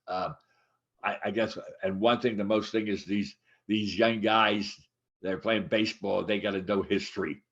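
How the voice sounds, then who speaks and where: A man in his eighties, co-hosting a casual chat show, rambling with many halting restarts and fillers. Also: lowish voice, gravelly, a bit bright. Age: 80s. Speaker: podcast co-host. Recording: dull lo-fi sound.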